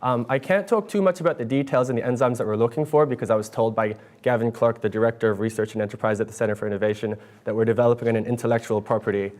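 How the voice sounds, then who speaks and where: Earnest young New man pitching. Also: quick pace, hardly any pauses, darkish tone. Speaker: student competitor pitching a project. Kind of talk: competition pitch and Q&A. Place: stage at an awards event.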